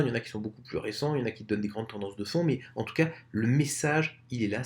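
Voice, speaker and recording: A man giving an informal explainer talk to camera, speaking conversationally and addressing viewers directly. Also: mid-range voice. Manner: lively, expressive intonation. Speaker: online presenter.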